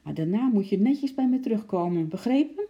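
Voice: medium pitch, fairly quick, muffled recording, voice pushed up, close to an everyday voice. A narrator voicing a caring young girl who coaxes her pet monkey in a children's audiobook. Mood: coaxing. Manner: coaxing, urging, lively. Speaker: storybook character.

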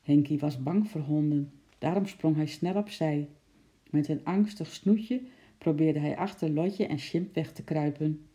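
A reader telling a children's story in a steady, unhurried way. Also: mid-range voice.

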